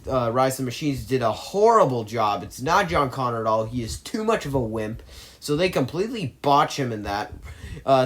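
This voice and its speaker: In a mid-range voice, a man delivers opinionated movie commentary, pressing his points emphatically and rambling through restarts.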